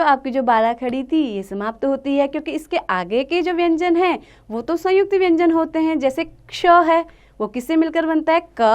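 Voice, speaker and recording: A woman teaching a children's lesson, reciting syllables one by one in a slow, drawn-out way. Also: sits high, a little mellow.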